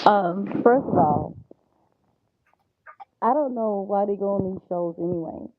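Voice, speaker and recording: A woman panelist calling in remotely, her voice muffled as if heard through a wall, speaking in a slow, measured way. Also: medium pitch, darkish tone. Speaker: panelist on a talk show. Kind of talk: casual opinion chat. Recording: muffled, distant remote audio.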